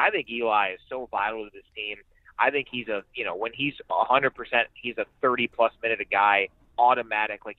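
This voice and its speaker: With a mid-range voice, a man gives emphatic, conversational sports analysis as a guest on radio, repeating phrases to drive points home. No echo is present; the sound is muffled and band-limited in a phone-like way.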